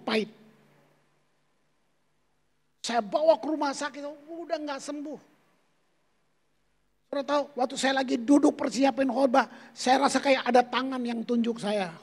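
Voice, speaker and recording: A man's voice: very high-pitched, slightly rough. A pastor preaching a sermon to his congregation, telling personal stories and calling them "saudara". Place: church sanctuary. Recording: long church hall reverb.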